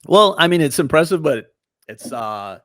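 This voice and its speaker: A man's voice: on the high side, big pitch swings, moderate pace. A man in a casual chat about crypto investing, talking in a laid-back, slangy, agreeable way.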